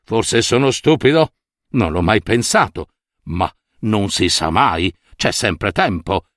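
A man voicing an anxious, flustered old male minister in a read-aloud fairy tale, muttering low to himself and then gushing in a high voice. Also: lively intonation, slow pace, a bit bright, dry recording, studio quality. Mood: worried muttering.

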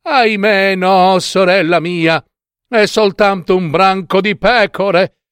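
A man voicing a loyal young sister, calling out in a high, sing-song voice. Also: steady tone, slow, fairly bright tone, clean tone, no echo, studio quality.

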